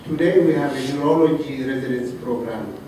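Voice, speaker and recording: Soft-spoken man from Africa, echoey hall. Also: medium pitch. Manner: soft-spoken, halting, many fillers. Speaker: colleague giving a tribute. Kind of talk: heartfelt tribute speech. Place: reception room. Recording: roomy, distant, noisy room recording.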